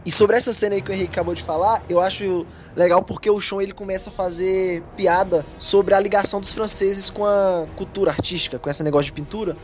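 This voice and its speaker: A man's voice: high-pitched, fairly even intonation, fast, hardly any pauses, highs cut off, faint music behind. A man co-hosting a casual podcast, recapping a TV episode with enthusiasm. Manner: enthusiastic, imitates accents in quotes. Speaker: podcast co-host.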